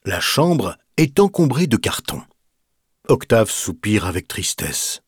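A man reading a children's picture book aloud in an expressive, deliberate way. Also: lowish voice, breathy edge, no echo, studio quality. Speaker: storyteller.

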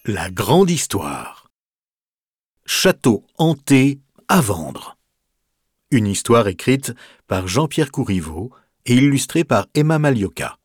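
A man reading a children's picture book aloud in an expressive, deliberate way. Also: mid-range voice, breathy edge, no echo, clean studio sound. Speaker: storyteller.

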